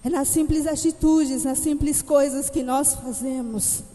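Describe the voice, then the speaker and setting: A woman's voice: sits high, fairly even intonation, measured pace, dark tone. A woman preacher delivering an emphatic, dramatic sermon to her congregation in a church hall. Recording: echoey church hall reverb.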